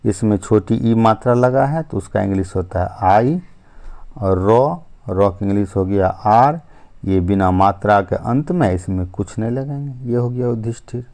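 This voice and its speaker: An English teacher with a lowish, slightly mellow voice leads a step-by-step spelling lesson, explaining slowly and patiently and repeating himself. He keeps saying "ठीक है" and "अब जो है".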